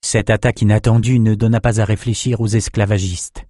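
A man narrating a fantasy story in an even, measured way. His voice sits low, and the recording is dry and close. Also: no room sound. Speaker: audiobook narrator.

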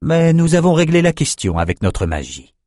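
A man's voice: on the high side, wildly swooping pitch, moderate pace, darkish tone, no echo, clean studio sound, pitched above the performer's own voice. A man reading an audiobook, voicing a suave, self-assured male sorcerer-ruler.

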